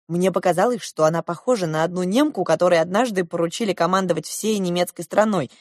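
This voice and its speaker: A woman reading an audiobook in the first person, with lively, expressive storytelling. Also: lowish voice, quick pace, no room sound, studio quality. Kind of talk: audiobook narration.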